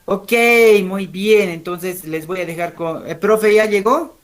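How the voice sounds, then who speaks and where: A man with a Bolivian Spanish accent teaching a language class, often asking students questions and checking they follow along. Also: sits high. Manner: keeps checking understanding with quick tag questions; asks students questions and calls on them. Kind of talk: classroom lesson.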